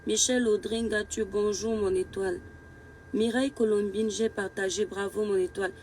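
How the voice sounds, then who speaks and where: A woman's voice: medium pitch, fairly even intonation, normal speed, darkish tone, a little hiss or hum. Woman greeting live-stream viewers by name.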